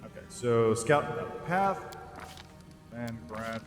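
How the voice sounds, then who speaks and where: A man mutters through a gameplay stream, reading choices aloud, and his voice changer wraps every word in a huge cathedral reverb. His pitch swings about in an animated way, with faint game music underneath. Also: slow. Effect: voice changer set to cathedral reverb. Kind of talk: casual gameplay commentary. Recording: roomy long hall echo from voice changer.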